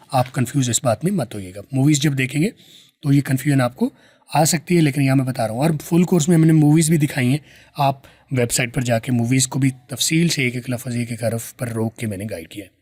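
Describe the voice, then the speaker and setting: A man's voice: mid-range voice, a little mellow, no echo. Man coaching English pronunciation, Pakistani accent. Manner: slows down and stretches English example sentences, then explains briskly. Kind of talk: explanatory teaching lesson.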